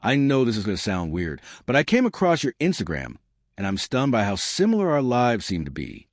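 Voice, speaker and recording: A man's voice: mid-range voice, huge pitch swings, brisk, no room sound, studio quality. A man reading the message of a young woman designer, hesitant and apologetic.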